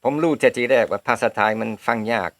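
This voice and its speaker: A middle-aged Western man who learned Isan Lao as an adult, speaking it with a foreign accent in a relaxed, chatty way. His voice sits at an ordinary middle pitch, and he talks like a guest at ease in a casual interview. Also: fast, gravelly, dry recording. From Western country. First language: English. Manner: relaxed, chatty, drops rural particles.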